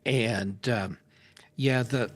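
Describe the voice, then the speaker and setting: A man's voice: mid-range voice, extremely slow, breathy edge. A man on a tech podcast panel chatting casually and candidly, with a griping way of talking.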